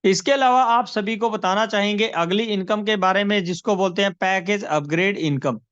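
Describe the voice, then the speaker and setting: A man giving a persuasive sales pitch on a video call, repeating numbers and calling listeners friends. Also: normal speed, fairly bright tone, clean tone, no echo. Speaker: presenter of a money scheme. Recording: dry, dull lo-fi call audio.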